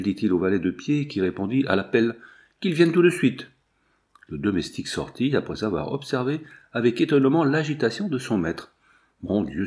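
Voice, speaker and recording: A man reading a novel aloud with measured, dramatic scripted narration. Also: mid-range voice, a little mellow. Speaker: audiobook narrator.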